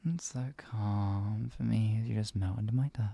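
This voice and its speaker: A performer voicing a teasing, possessive villainous hypnotist in a soft, breathy ASMR role-play, coaxing and lulling a captive pet. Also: medium pitch, steady tone, moderate pace, no echo. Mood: smug, doting. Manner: soft coaxing murmur slipping into close speaks softly.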